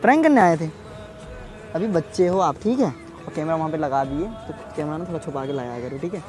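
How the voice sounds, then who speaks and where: A man's voice: on the high side, lively intonation, a little fast, over music. A man hosting a prank video, bantering teasingly in casual talk and repeating himself, recorded outdoors in a public place.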